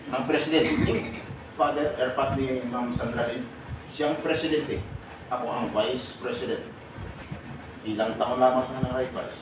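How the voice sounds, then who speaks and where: A man speaking to a gathered group of overseas workers, animated and laughing often, putting direct questions to his listeners. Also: medium pitch. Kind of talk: lively talk to a live group. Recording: echoey room, mic far off, background noise.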